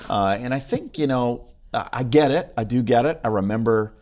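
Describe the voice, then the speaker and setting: A pastor with a British accent, a man telling stories animatedly in a casual studio conversation. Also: moderate pace. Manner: animated storyteller, jumping pitch on punchlines. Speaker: pastor and guest.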